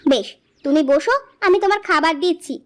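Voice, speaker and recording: A woman's voice: extremely high pitch, brisk. A woman voicing a doting, emotional village wife and mother in a cartoon, pleading and indulgent. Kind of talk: cartoon voice acting.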